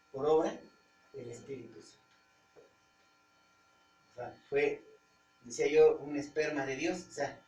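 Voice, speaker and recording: A man with a Mexican accent, a pastor preaching conversationally to his congregation, often pausing and searching for words. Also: fairly high pitch, darkish tone, muffled recording. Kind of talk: informal Bible-study preaching. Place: church hall. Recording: roomy church hall, distant mic, faint hum.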